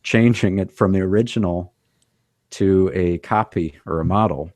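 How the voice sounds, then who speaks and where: A man co-hosting a podcast, explaining in a measured, thoughtful way in casual chat. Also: low voice, a little mellow, dry recording. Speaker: podcast co-host.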